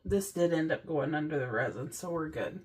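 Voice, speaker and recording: Excitable woman hosting a craft vlog. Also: sits low, brisk, breathy edge. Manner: gushing, excitable, talks to viewers. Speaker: crafting channel host. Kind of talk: casual DIY tutorial vlog.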